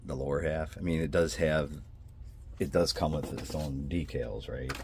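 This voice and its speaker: This vlogger, a man with a son, talks about building scale models in a very deep, steady voice at a moderate pace, with slight background noise. His voice is congested and nasal from sinus trouble and carries a twang. His talk meanders, as he interrupts himself, apologizes and restarts.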